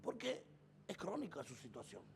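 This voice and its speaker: A man's voice: high-pitched, big pitch swings, normal speed, big-room sound, a little hiss or hum. A man preaching a sermon as pastor, building up through emphatic repeated phrases. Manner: preaching with rising, emphatic repetition.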